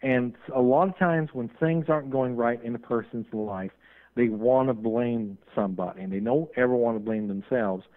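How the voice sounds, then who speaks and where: Heard over a tinny phone line, a paranormal investigator being interviewed on call-in radio speaks at medium pitch and normal speed. He's talkative and wanders through long, rambling answers, even conceding that he goes on too long.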